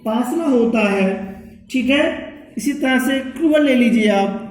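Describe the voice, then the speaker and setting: A man's voice: very high voice, a little slow, reverberant, low-quality recording. A man teaching an English pronunciation lesson, spelling words letter by letter and often checking in with "ठीक है".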